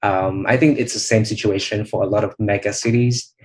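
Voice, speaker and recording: A young man with a fairly low voice, speaking over a video call. He answers in a relaxed, reflective way and pauses often to gather his thoughts. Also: poor audio. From Vietnam. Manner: thoughtful, many "um" and "you know" pauses. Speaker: channel host, interviewee. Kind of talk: speaking test practice answers.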